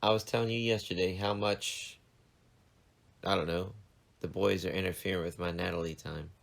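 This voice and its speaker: With a low, creaky voice, steady tone and moderate pace, a man in his forties hosts a casual podcast. He jokes at his own expense and sounds slightly nasal, stuffed up from allergies.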